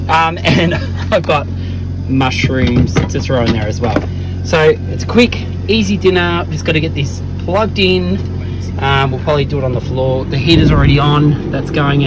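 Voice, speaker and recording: In his thirties and Australian-accented, this vlogger chats casually while filming himself in a camper van, holding his phone at arm's length. His medium-pitched voice sounds chatty and upbeat, with soft asides to his dog, though the audio is poor.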